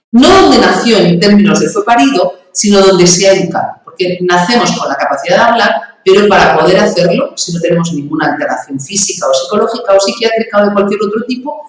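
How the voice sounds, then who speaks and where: A woman's voice: mid-range voice, very echoey, recorded from a distance, low-quality recording. A woman with an Andalusian accent, from Andalusia, speaking as a communication and public speaking trainer in an interview, emphatic and didactic, using examples and rhetorical questions. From Andalusia, Spain. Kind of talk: explanatory interview talk.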